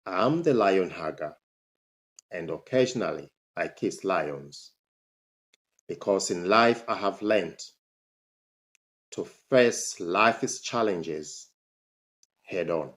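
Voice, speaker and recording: A Zambian man with a slightly bright voice and lively intonation speaks slowly, pausing often, as he tells his life story to camera as a motivational speaker. He is emphatic, and rhetorical questions send his pitch jumping upward.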